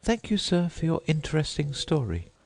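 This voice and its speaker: A man's voice: on the high side, wildly swooping pitch, moderate pace, vocal fry, a little mellow, dry recording, voice pushed up, exaggerated voice. A man voicing a polite, curious little girl in a storybook reading, prim and questioning. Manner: prim, questioning, indignant at times.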